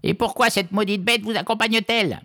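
A man voicing a spiteful old witch who croaks her words in a fairy tale. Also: high voice, fairly even intonation, fairly quick, sharp tone, pitched above the performer's own voice. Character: shrill, hateful old witch with pointed teeth.

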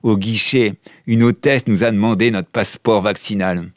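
A man's voice: fairly low pitch, steady tone, normal speed, no echo, clean studio sound, natural voice. A man voicing a talkative male passport in a comic monologue, who complains about his travels and often tacks "hein" onto his sentences. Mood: chatty. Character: chatty male passport, cold-shy, grumbling about travel.

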